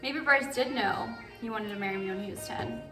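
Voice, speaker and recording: A woman's voice: medium pitch, brisk. A woman in her twenties hosting a casual question-and-answer chat, talking chattily with lots of "like". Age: 20s. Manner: chatty, uses like often. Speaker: vlog host answering viewer questions. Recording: roomy echo, distant mic, music behind. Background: background music.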